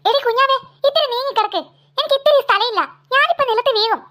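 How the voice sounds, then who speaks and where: A woman's voice: extremely high pitch, quick pace, bright, forceful tone. A woman voicing two stubborn, bickering young sisters in a cartoon. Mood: squabbling. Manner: whiny, stubborn squabbling.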